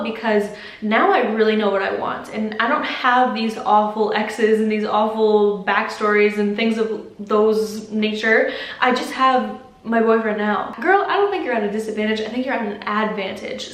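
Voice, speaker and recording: Chatty and open, a young woman fields viewer questions in a laid-back vlog, peppering her speech with "like." She speaks at a medium pitch with a fairly bright tone, and the room gives the audio a noticeable echo.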